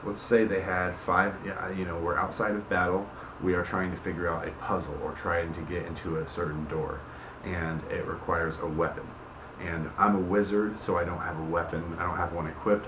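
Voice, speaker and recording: Acting as a dungeon master, a deep-voiced man casually explains his house rules to the camera, often tossing in tag questions to check that listeners are following. His informal talk is recorded in an echoey room with noticeable background noise.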